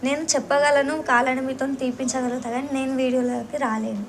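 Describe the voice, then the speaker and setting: A woman with a Telangana Telugu accent, calmly and firmly explaining a decision in a casual vlog. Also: sits high, quick pace, slight background noise, low-quality recording. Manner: calm, firm, explaining. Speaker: vlog team member.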